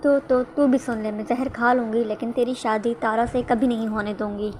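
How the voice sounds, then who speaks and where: A woman reading the part of a scheming, sharp-tongued middle-aged mother in a storybook reading, with faint background noise. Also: a little high, steady tone, natural voice. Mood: angry. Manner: bitter, scolding.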